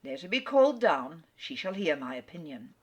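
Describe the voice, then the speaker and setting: A woman reading aloud as a calm, dryly ironic middle-aged father. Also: sits low, normal speed, husky, heavily acted. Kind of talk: dramatic reading.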